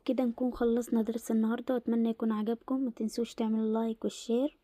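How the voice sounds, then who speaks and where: A young woman with an Egyptian Arabic accent teaching an Arabic lesson in a casual explanatory way, slowing down to stress word pairs. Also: a little high, level tone, warm tone, no echo.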